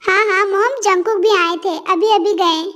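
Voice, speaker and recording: A woman's voice: very high-pitched, steady tone, moderate pace, bright, forceful tone. A woman voicing a hurt young wife. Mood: evasive. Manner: pleading, defensive. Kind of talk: fan-dubbed romance storytelling.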